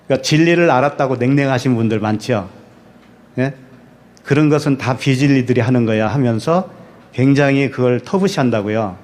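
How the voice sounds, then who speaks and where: A man's voice: mid-range voice, a little mellow. A man preaching a sermon as pastor. He asks the congregation rhetorical questions, answers them himself, and repeats key words for emphasis.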